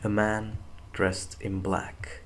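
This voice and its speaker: A young man with a fairly low voice reads horror stories aloud. Between stories he talks to his listeners in a relaxed, rambling manner, with a few fillers and restarts. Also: extremely slow, slight background noise. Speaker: horror story narrator. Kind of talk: horror story reading and casual sign-off.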